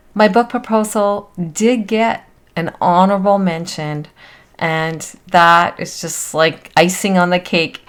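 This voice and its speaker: A woman hosting a motivational self-help podcast, talking in an encouraging, earnest, conversational way like a self-help influencer and life coach. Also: on the low side.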